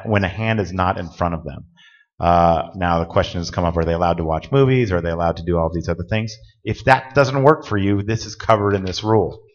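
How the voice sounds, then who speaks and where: Deep-voiced man presenting in a reverberant hall. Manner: plain-spoken, direct, instructive. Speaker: tournament rules presenter. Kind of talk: conference presentation to an audience. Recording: dull lo-fi audio with long hall reverb.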